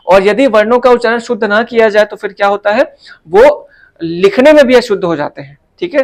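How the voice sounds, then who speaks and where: A man who teaches Hindi and walks through exam answers step by step, with many tag questions and fillers. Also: sits high. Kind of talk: casual exam answer walkthrough.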